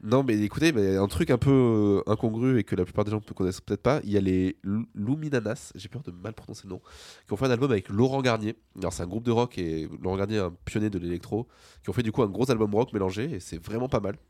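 A radio host with a very deep voice talks in a relaxed, slangy way and laughs easily. The sound is dry and close to the mic. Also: male voice, fast talker, no echo. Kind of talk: casual radio chat.

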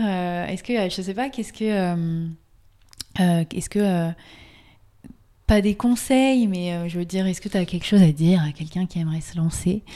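A woman hosts a relaxed conversational interview, often searching for her words and circling back before landing her question. Her voice sits on the lower side and sounds mellow and warm. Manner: rambling, hesitant questions full of fillers. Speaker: interviewer and fellow yoga teacher.

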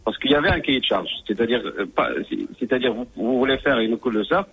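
A man calling in to a radio show over the phone, speaking haltingly and often restarting his words. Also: medium pitch, animated, breathy edge. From Morocco. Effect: caller on a phone line into a radio show.

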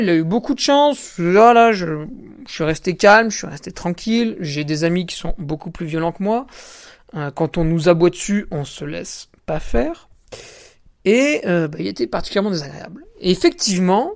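A man's voice: high voice, gravelly. A man telling a story in a solo podcast, ranting indignantly with crude slang and often turning to the listener. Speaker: podcast host and trail runner.

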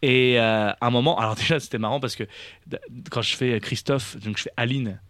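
A man's voice: mid-range voice, fairly even intonation, fairly quick, fairly bright tone, no echo. A man hosting a radio show, chatting casually and telling a long story with many fillers and restarts. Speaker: radio show host and singer.

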